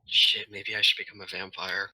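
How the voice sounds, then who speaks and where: A man voicing a gruff, blunt, foul-mouthed adventurer in a tabletop role-playing game. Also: low voice, completely flat delivery, brisk, sharp tone, no room sound, full character voice, poor audio. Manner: blunt, swearing. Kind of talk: in-character tabletop role-play.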